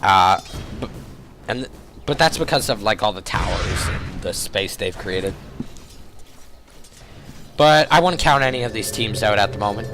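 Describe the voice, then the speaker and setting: A young man with a voice hoarse from a cold, excitedly commentating a video game and often correcting himself as he rambles. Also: fairly low pitch, a little slow, long pauses, background noise. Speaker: game caster.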